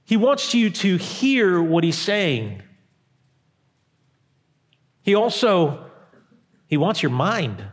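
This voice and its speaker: A male pastor preaching a sermon, repeating key phrases and dropping to a hush at times. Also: sits high, big pitch swings, very slow, pauses often.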